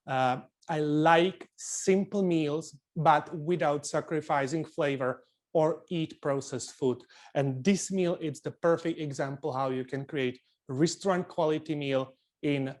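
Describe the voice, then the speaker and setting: Czech-accented chef teaching a webinar. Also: male voice, fairly high pitch, darkish tone. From Czech Republic. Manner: earnest, loose non-native phrasing with restarts. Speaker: chef instructor. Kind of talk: live cooking webinar demonstration.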